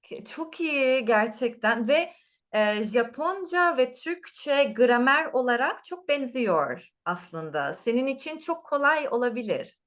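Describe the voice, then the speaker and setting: A woman's voice: high voice, expressive, a little slow, a bit bright. A woman language teacher in casual conversation with a student, encouraging with short affirmations and repeated phrases.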